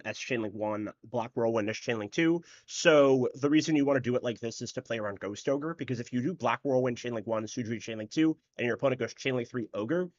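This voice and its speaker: A man's voice: medium pitch, dry recording, highs cut off. A man hosting an online card tournament, talking through each play in a rambling, casual way with lots of fillers. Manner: rambling, filler-heavy, explains plays as he goes. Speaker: tournament host and commentator. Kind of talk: casual live-stream commentary.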